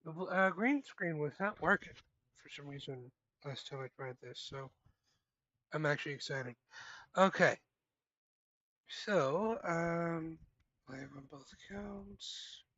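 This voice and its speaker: A man's voice: on the high side, slow, pauses often, pushed and bright, no echo, dull audio. A sick man chatting casually on a live stream, muttering and swearing while he fixes his setup.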